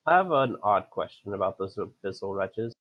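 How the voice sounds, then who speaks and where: A man's voice: on the low side, animated, normal speed, no echo. A man playing a tabletop game who offers rules suggestions politely and hesitantly. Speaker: player. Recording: dull lo-fi online call.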